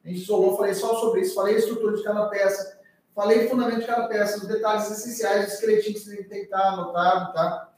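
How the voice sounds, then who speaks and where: Sitting high in pitch with a darkish, steady tone, this man teaches law quickly in a live online exam-prep class. He's chatty and informal, tagging sentences with "tá?", and the very echoey room leaves him distant from the mic.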